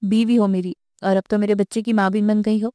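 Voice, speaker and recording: A woman's voice: mid-range voice, little pitch movement, warm tone, dry recording, clean studio sound, close to an everyday voice. A woman reading a novel aloud, voicing a smug, menacing young husband in her own voice. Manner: smug, threatening. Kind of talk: audiobook character voice.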